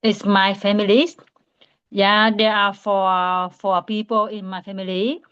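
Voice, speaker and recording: A woman, answering practice questions in English in a hesitant, halting way with many restarts. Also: mid-range voice, level tone, fairly bright tone, smooth, muffled recording. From Vietnam. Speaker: student.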